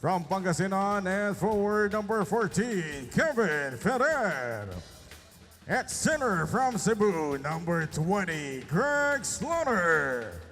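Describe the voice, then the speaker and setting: A man works as an echoing stadium announcer, introducing lineups in a booming voice and drawing out player names. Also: sing-song, takes it slowly, a bit bright. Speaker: arena announcer. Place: large indoor arena over PA. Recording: long arena reverb, music behind.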